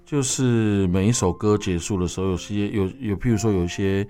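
A man's voice: lowish voice, a little fast, dark tone, faint music behind. A man, a musical theatre actor with a Taiwanese Mandarin accent, talking casually with jokes and hesitant fillers. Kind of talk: casual interview.

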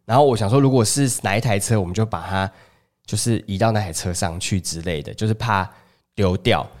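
On the low side and brisk, this man co-hosts a podcast with a Taiwanese Mandarin accent. He's a chatty storyteller, relating family tales in relaxed talk and voicing the dialogue himself.

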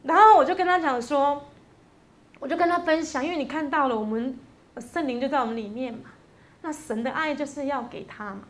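A woman's voice: high-pitched, fairly quick. A woman preaches a Sunday sermon. She tells a story in a conversational way and then builds to emphatic, rising exhortation.

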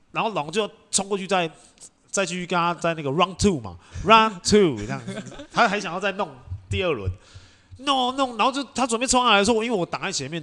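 A man's voice: high-pitched, sharp tone. A young man with a Taiwanese Mandarin accent, hosting a podcast and telling a story in casual chat. He acts out quoted voices and laughs often. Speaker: podcast host.

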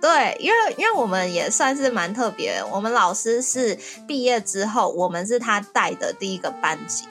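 A young adult woman from Taiwan, co-hosting a podcast and telling a story in casual, animated chat. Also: normal speed, few pauses, faint music behind. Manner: lively, animated storytelling with rising excited pitch. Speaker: podcast co-host.

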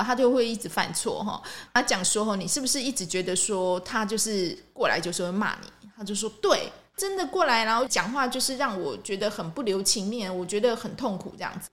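Woman podcast host, casual story monologue, animated with acted-out quotes. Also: a little high. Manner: animated, acts out quoted dialogue in shifting tones; frequent light "ha" tag at ends of phrases.

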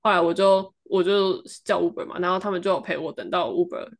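A woman with a Taiwanese Mandarin accent, chatting on a podcast and telling a story in a lively way, acting out the people she quotes. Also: fast, gravelly. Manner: animated, acts out quoted voices with big pitch jumps and laughs. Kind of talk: casual chat storytelling.

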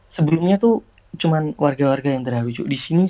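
A man's voice: on the high side, animated, fast talker, dark tone. A man co-hosting a casual podcast, chiming in with short agreements and asides. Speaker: podcast co-host. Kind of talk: casual chat.

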